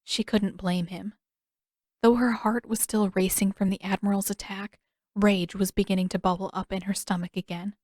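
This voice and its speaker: A woman narrating her own fan fiction audiobook, telling it in a measured and expressive way. Her voice sits in a middle range for a woman, and the recording is dry and close to the mic. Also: mid-range voice, no echo.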